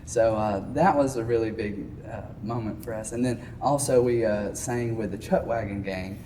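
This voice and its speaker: A man's voice: fairly low pitch, normal speed, mellow. A twenty-year-old man from Alabama with a Southern accent, a gospel singer answering interview questions politely with many fillers and "yes sir.". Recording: echoey, distant, background noise.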